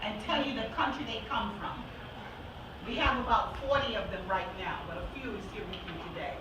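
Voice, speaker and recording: A woman's voice: mid-range voice, brisk. A woman giving a formal speech to a meeting, emphatic and repeating lines for stress. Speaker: speaker at a meeting. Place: large meeting room. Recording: echoey room from far off, noisy.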